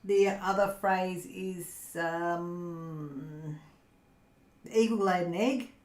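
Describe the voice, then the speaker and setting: A woman's voice: fairly low pitch, steady tone, very slow, darkish tone. An Australian woman hosting a casual livestream chat with her viewers, rambling and giggling with lots of fillers. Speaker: crafting channel host. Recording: roomy echo.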